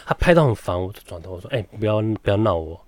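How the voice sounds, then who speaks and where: A man's voice: lowish voice, very animated, quick pace, no room sound. A man with a Taiwanese Mandarin accent telling a childhood story on a casual podcast, swearing casually and laughing often. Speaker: podcast host.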